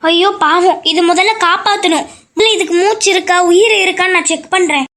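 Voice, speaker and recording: A woman telling a kids' ghost story aloud, expressive and urgent, with lots of exclamations. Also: very high voice, fairly quick. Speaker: storyteller and main character. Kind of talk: animated storybook narration.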